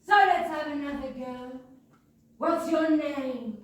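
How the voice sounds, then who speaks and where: A woman's voice: high voice, slow pace. A woman playing a brusque, cocky male gangster in a stage comedy. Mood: indignant. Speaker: stage actor in a comedy play. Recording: echoey theatre, distant mic, faint noise.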